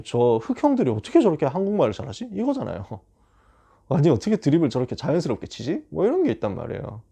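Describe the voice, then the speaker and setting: Gravelly, animated male youth pastor. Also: mid-range voice. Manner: animated, joking storyteller; preaching with emphatic calls. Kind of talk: sermon to high school students.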